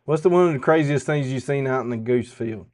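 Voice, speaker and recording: A man's voice: medium pitch, a little fast, darkish tone. A man with a Southern US accent hosting a podcast, chatting casually in a folksy, colloquial way. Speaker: podcast host.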